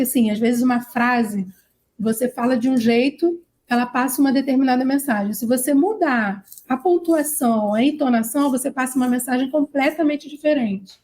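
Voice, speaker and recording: High-voiced Brazilian woman explaining. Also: darkish tone. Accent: Brazilian Portuguese. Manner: emphatic, addresses listeners directly. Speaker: speech therapist guest. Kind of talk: explanatory interview talk.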